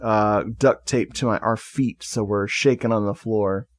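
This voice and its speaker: A man's voice: lowish voice, steady tone, measured pace. A man co-hosting a podcast, chatting casually in a loose, joking way and swearing freely. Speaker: podcast co-host. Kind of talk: casual chat.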